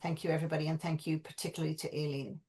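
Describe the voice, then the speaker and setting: A woman hosting an online meeting, calmly running and announcing a vote. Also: sits low, racing.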